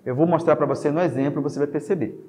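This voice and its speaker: A Brazilian man with a slightly high voice teaches a spelling lesson in a lively, joking way. He keeps checking in with the class through quick tag questions. A long reverb trails each phrase. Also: slight background noise. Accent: Brazilian Portuguese.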